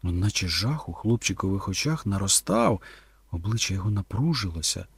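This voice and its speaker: Gravelly male audiobook narrator. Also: deep voice, big pitch swings, fairly quick, no room sound.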